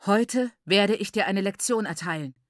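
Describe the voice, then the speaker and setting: A woman voicing an enraged, domineering middle-aged father who shouts and berates his daughter. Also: medium pitch, normal speed, no room sound, studio quality, natural voice. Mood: berating.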